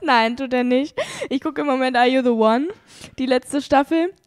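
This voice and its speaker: A woman's voice: high voice, normal speed, clear, resonant tone, no room sound, clean studio sound. A young woman co-hosting a casual podcast, giggly and self-mocking, laughing often while she chats, a little sick with a sore throat. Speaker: podcast co-host. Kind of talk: casual chat.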